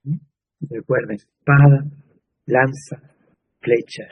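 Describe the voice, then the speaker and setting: A man's voice: mid-range voice, fairly even intonation, slow pace, husky, no room sound, dull audio. A man with a Chilean Spanish accent preaching a sermon in a conversational way, with fillers and tag questions.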